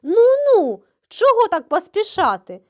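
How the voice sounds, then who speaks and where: A woman voicing a sly, unhurried male hedgehog in a children's fairy tale. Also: very high-pitched, huge pitch swings, voice pushed up, full character voice.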